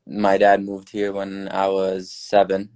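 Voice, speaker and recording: A young man from Syria, a newly graduated dentist, giving earnest, relaxed advice as a podcast guest. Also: deep voice, takes it slowly. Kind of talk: casual podcast chat.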